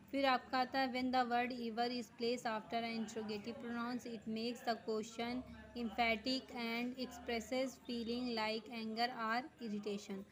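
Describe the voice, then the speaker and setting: A female school teacher gives a grammar lesson, reading definitions slowly word by word and then explaining them quickly. Her voice is fairly high-pitched, and the audio quality is poor.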